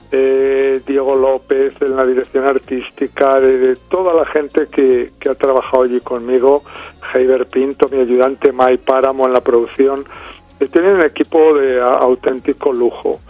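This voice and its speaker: A man's voice: mid-range voice, little pitch movement, moderate pace, dry recording. Spanish guy from spain on a phone call, talks thoughtful with lots of ums and restarts, kind of tinny. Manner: thoughtful, many fillers and restarts. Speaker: film director, guest. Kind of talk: interview over the phone.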